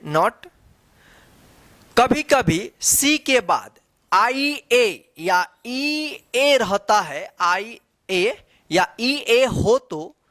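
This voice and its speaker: A woman leads a slow, patient phonics lesson in a dry, close recording. She spells each word out letter by letter, then reads it aloud. She keeps asking and answering her own questions. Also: medium pitch, a bit bright, no room sound. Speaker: English teacher.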